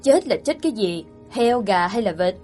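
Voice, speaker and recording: A woman voicing a stern, sharp-tongued wealthy matriarch who scolds a servant in a storybook reading. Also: mid-range voice, expressive, moderate pace, soft background music, close to an everyday voice. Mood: scolding. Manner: scolding, demanding.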